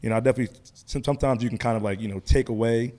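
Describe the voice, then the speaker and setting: A man with a slight lisp, co-hosting a podcast and chatting casually as a coach, talkative and animated when telling stories. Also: medium pitch, racing. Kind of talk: casual chat.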